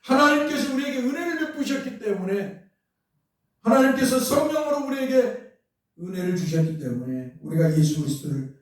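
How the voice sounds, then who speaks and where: A man's voice: very high-pitched, lively intonation, normal speed. A man preaching a sermon as pastor, asking rhetorical questions and building to emphatic outbursts. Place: church sanctuary. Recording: very echoey church hall, mic from far off.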